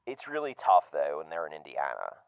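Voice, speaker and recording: A man's voice: extremely low pitch, wildly swooping pitch, fairly quick, creaky, smooth, no room sound, muffled recording, exaggerated voice. A man doing a drawling surfer-bro superfan. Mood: breezy boastful. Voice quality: drawling bro talk, heavy "dude" and "like". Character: laid-back rich surfer bro, young adult male superfan. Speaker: caller. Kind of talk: comedic prank call bit.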